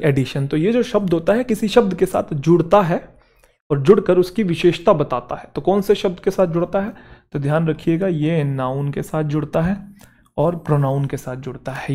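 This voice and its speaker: Bright-pitched man teaching grammar class. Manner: asks the class quick check questions.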